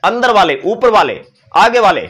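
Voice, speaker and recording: A man's voice: sits high, lively intonation, normal speed, fairly bright tone. A male teacher giving an exam-prep lecture, explaining and demonstrating sounds with playful asides to his students. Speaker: Sanskrit teacher.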